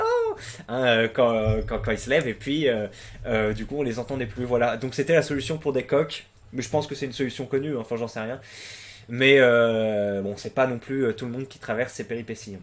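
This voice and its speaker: A young man from France riffs on viewer stories in a loose, offhand way, full of fillers and restarts. His talk is crude and slangy. When he tells his own stories he breaks into loud, animated bursts. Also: medium pitch. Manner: rambling, hesitant with frequent fillers and restarts; crude slang, swears freely. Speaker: YouTube host reading viewer posts. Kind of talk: casual commentary on forum posts.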